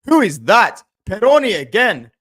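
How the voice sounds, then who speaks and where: A young man hosting a casual football fan stream, chatting and reacting aloud to match highlights, with loud outbursts and low muttered asides. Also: sing-song, a little slow. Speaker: football fan channel host. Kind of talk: casual live-stream commentary.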